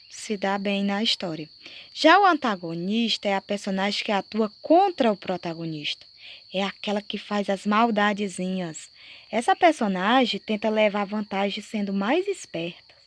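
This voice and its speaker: Slow, patient Brazilian woman teacher. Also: mid-range voice. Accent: Brazilian Portuguese. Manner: slow, explanatory, checks understanding with "né?" and "certo?". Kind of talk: recorded class lesson.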